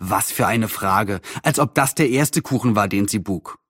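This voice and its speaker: A man narrating a children's storybook in an expressive, lively way. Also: on the low side, normal speed, slightly rough, dry recording, clean studio sound.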